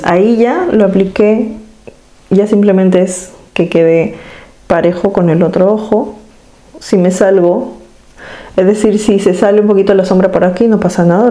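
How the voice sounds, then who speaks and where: A woman speaks in a soft, mellow voice that sits a little low for a woman. She chats casually to her viewers from home while doing her makeup, steadily describing each step as she goes. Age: adult. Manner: chatty, demonstrative, addresses viewers directly. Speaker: beauty vlogger.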